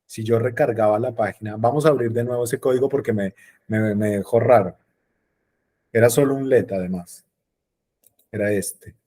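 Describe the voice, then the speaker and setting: A man teaches a class in a relaxed, conversational way. His voice sits at a middle pitch. He keeps checking in with quick questions to his students. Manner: chatty, checks in with frequent rhetorical questions. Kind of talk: online class explaining circuits.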